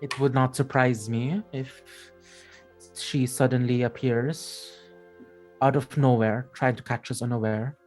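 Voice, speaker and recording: A sinister spider crime lord, voiced by a man running a tabletop game, calm and deliberate. He measures out his phrases at a middle male pitch, with music playing faintly behind. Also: lightly acted. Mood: calm, knowing.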